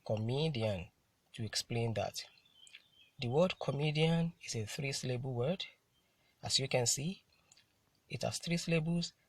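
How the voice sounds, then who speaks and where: A man teaching an English pronunciation lesson, speaking deliberately, repeating key terms and asking rhetorical questions. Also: mid-range voice, breathy edge, no room sound. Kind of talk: classroom lecture.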